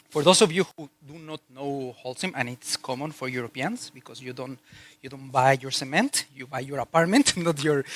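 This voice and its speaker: A Mexican man, a native Spanish speaker with a Mexican Spanish accent, gives a business talk in a conference hall. He keeps it chatty, with fillers and restarts, in a mid-range, slightly bright voice.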